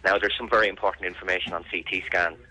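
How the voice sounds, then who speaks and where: A man's voice: low voice, fairly even intonation, very fast, sharp tone, rough recording. An Irish man answering questions in a serious radio interview, earnest and insistent, repeating phrases for emphasis. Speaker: interviewee, bereaved brother campaigning for an investigation.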